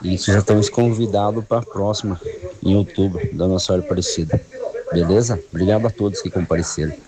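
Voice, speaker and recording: Brazilian man calling in, deep voice, hearty, crowd noise behind. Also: fairly even intonation, fast talker, rough recording. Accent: Brazilian Portuguese. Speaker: radio caller. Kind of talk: recorded phone message.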